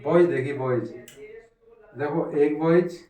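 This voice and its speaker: Echoey, higher-voiced male math teacher. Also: slow pace, dark tone. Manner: repetitive, coaxing teacher talk, checking students follow. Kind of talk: classroom lesson. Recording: echoey room, voice from far off.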